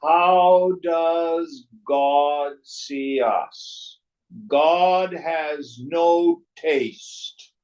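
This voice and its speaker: Slow, gentle man leading a chanted prayer. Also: a little high. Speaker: spiritual study group leader. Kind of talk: devotional chanting and teaching. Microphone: online call microphone. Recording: roomy, distant microphone.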